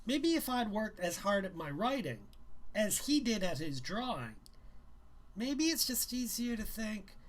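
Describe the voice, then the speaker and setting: A Canadian author gives an informal live reading of his own young adult novel, using a high, very animated voice at a measured pace. When he chats between passages, he sounds a little hesitant.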